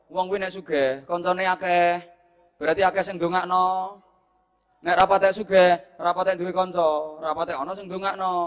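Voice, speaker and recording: A middle-aged man with a Javanese accent giving a humorous sermon, telling stories lively and acting out the people in them. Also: high-pitched. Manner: lively storytelling, acts out scenes and mimics people. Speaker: preacher.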